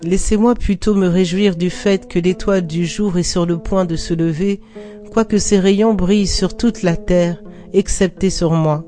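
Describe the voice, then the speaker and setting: Solemn humble prophet guy, mellow dark voice, read out by a narrator, soft guitar behind. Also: mid-range voice, fairly even intonation, measured pace, natural voice.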